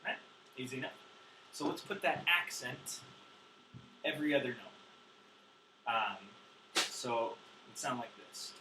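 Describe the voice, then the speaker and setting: A man's voice: mid-range voice, slow, pauses often, sharp tone, slight background noise, poor audio. A man teaching drums in a loose, chatty way, counting beats aloud with plenty of ums, wired on caffeine. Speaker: drum teacher. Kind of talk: casual instructional talk.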